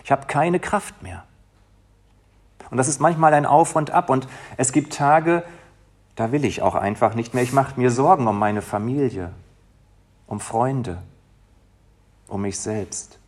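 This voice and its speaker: A man preaching a heartfelt sermon as a pastor, shifting between soft, quiet passages and emphatic, rising lines. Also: medium pitch, unhurried, long pauses. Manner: emotional, dynamic, swings from soft to emphatic.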